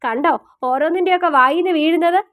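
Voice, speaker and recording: A woman voicing an older, sharp-tongued mother who scolds and defends her son. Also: extremely high pitch, fast, no echo, clean studio sound, pitched above the performer's own voice. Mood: indignant. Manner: indignant, scolding.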